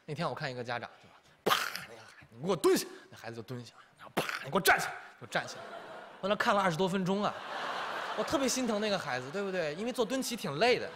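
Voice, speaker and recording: A man's voice: sits high, racing, noisy background. A young man doing a stand-up comedy routine, telling stories and often asking the audience to agree. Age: young adult. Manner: lively storytelling, acts out characters, keeps asking the crowd to agree. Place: TV studio stage.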